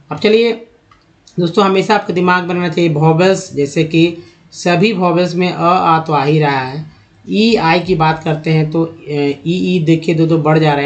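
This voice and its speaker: A man with a somewhat high voice gives a casual lesson on reading English. He sounds out vowels and words one at a time and keeps calling his viewers friends. The recording is dull and lo-fi. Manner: addresses viewers as friends, spells out sounds and letters. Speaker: English teacher.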